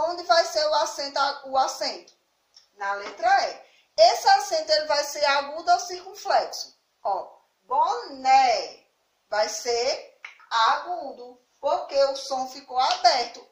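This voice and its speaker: A woman from Brazil teaching young children in a recorded lesson, patient and repetitive, checking understanding often and sounding words out slowly. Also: sits high. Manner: patient, repeats points and checks understanding with "tá certo?". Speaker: primary school teacher. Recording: echoey room.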